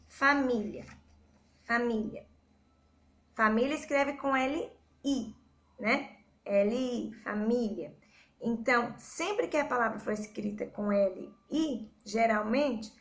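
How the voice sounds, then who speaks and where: A Brazilian woman teaching a recorded school lesson, patiently repeating words slowly to explain a spelling rule. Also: on the high side, a bit bright. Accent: Brazilian Portuguese.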